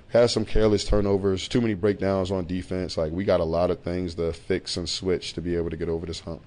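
Male head coach, deep and flat, blunt postgame talk with faint background hum. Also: quick pace. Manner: blunt, matter-of-fact. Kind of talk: postgame interview.

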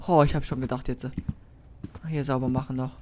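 A horror let's play commentator who talks straight to the viewers in a casual stream of youth slang and swearing. The voice sits at a middle pitch, with a faint noise underneath it. The speaker is jumpy and easily startled, and keeps coming back to chat with the audience. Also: little pitch movement, a little fast. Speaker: gaming YouTuber.

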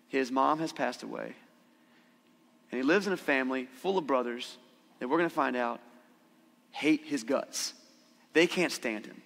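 A man's voice: medium pitch, fairly bright tone. A man in his thirties preaching a sermon as a pastor, talking casually and putting questions to the congregation. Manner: conversational, asks the congregation questions. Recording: church hall with long reverb.

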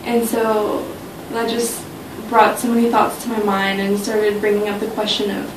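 Speaking in a monotone at normal speed, a young woman study abroad student looks back on personal memories during a casual interview. The small indoor office meeting room gives a roomy sound, captured by a distant mic along with a faint low rumble.

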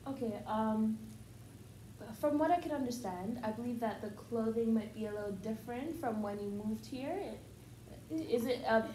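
A woman's voice: fairly high pitch, moderate pace, mellow, lightly acted. A young woman playing a polite family counselor who hesitates with many ums, in a student skit. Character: calm, patient family counselor. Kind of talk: student skit role-play. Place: classroom with a table. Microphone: far camera. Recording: echoey room, background noise.

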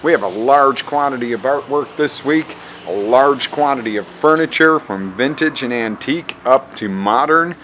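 An auction house host leads a promotional walkthrough of the showroom, delivering an upbeat sales pitch and repeating times and addresses. He's recorded on a handheld camera mic as he walks around, and his tone is fairly bright, with a little hiss or hum.

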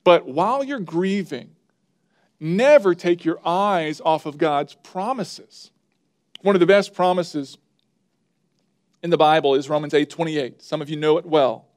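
A man's voice: fairly high pitch, measured pace, a little mellow. A man preaching a sermon as pastor, earnest and conversational, building emphasis as he makes his points.

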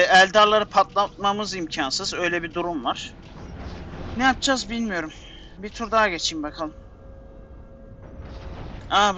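A man's voice: high-pitched, sharp tone, a little hiss or hum. A man giving casual let's-play commentary, muttering to himself in exasperation and urging his units on. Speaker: gameplay commentator.

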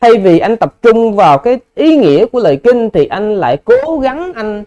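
Male monk teacher, high clear voice, patient Q&A explanations to a lay audience. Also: sing-song, moderate pace, dark tone, lo-fi sound. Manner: patient, explanatory, addresses listeners politely. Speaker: Buddhist monk. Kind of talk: Dharma Q&A teaching.

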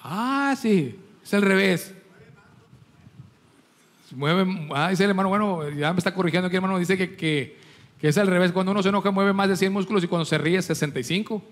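High-voiced pastor preaching. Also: male voice, a little fast. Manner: preaching with rhetorical questions to the congregation; jokes with the congregation. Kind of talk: sermon.

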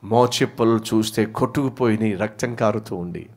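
A man's voice: on the low side, brisk, darkish tone. A male pastor preaching a sermon, telling a story theatrically and acting out the characters.

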